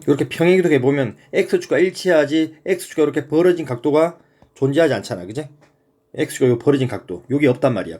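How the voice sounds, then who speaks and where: A male math teacher explaining graphs in an easygoing, chatty manner. His voice sits a little high for a man and swings widely in pitch as he checks in with the student. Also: a little mellow. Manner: casual, keeps checking in with the student. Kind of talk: informal math lesson.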